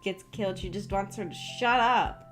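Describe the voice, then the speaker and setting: Over background music, a woman with a medium-pitched voice chats casually with her livestream viewers at a normal speed. She hosts a visual novel book club and talks in a giggly, rambling way, dropping "like" all through her speech.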